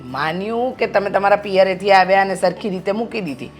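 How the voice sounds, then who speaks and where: Woman doing a lecturing mother-in-law, reassuring, mid pitch, faint music. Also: a little fast, lightly acted. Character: mother-in-law calmly lecturing her daughter-in-law. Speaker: actor in a web drama.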